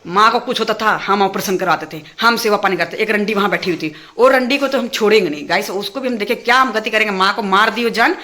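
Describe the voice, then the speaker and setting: A woman vlogger ranting angrily to her viewers, talking fast and heated and repeating her phrases. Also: medium pitch, pushed and bright. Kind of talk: angry casual rant to camera.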